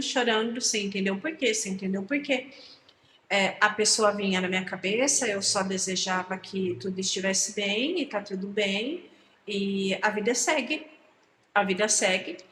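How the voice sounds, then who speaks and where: Woman chatting in a vlog, kinda high voice, keeps repeating herself, echoey room. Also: fairly bright tone. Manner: reflective, repeats words, frequent "entende?" tags. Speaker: channel host. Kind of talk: casual personal vlog on manifestation.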